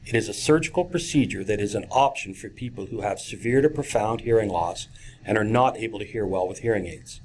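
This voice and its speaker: A man's voice: fairly low pitch, brisk, a little mellow, slight background noise. A man giving scripted instructional narration for teachers, speaking directly to them as folks. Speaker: presenter of a teacher training video.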